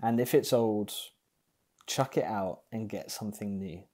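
A young pastor delivers an online sermon from a small room at home, speaking into an earphone mic while facing the camera. He's unhurried and thoughtful, with lots of ums, and his voice is fairly low and a little mellow.

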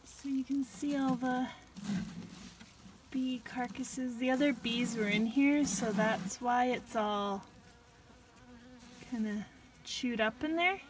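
Her voice is a little high, with background noise around it, as this woman in her twenties chats through backyard hive work in a casual how-to style. As a beekeeping vlogger, she stays unhurried and talkative, gasping in dismay at certain finds. Music runs underneath, and she is filmed outdoors by a camera on a stand nearby that later becomes handheld.

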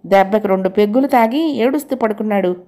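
A woman's voice: medium pitch, quick pace, mellow, natural voice. Woman playing a spiteful male colleague, sneering, irritable, boastful, audio novel.

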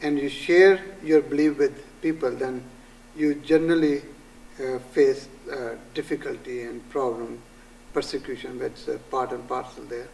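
An older man with a Pakistani accent answers interview questions in an earnest, halting way, stopping often on "uh" as he quotes sources. His pitch sits in the middle for a man. He is a little distant from the camera mic in a small studio room. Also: fairly even intonation, creaky, a little mellow, slight background noise. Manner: earnest, halting with frequent "uh" pauses, quoting scripture. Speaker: pastor, guest.

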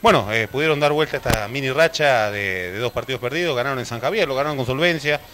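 A male sports reporter with an Argentine accent fires off questions at a very fast clip. He talks in a loose, chatty way, full of fillers. Faint noise sits behind his voice. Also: medium pitch. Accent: Argentine Spanish. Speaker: sports reporter interviewing a player. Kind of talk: local TV sports interview.

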